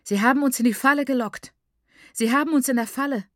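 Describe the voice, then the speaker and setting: A woman's voice: mid-range voice, moderate pace, a little mellow, no room sound, studio quality, natural voice. A woman voicing a desperate, starving teenage girl who swings between bitter whispers and fury, in an audiobook. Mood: raging. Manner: whispers, hisses, then screams in fury.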